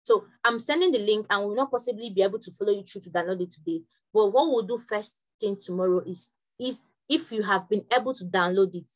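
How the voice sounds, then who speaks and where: A young woman from Nigeria leading an online workshop class over a video call, talking quickly with frequent restarts. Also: mid-range voice, rough recording. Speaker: workshop instructor.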